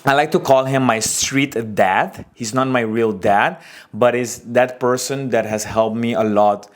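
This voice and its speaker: A man in his twenties with an Aruban accent, a wedding photographer telling his story and giving business advice in a casual talking-head episode, animated and expressive. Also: a little slow. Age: 20s. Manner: animated, expressive storytelling with big pitch swings.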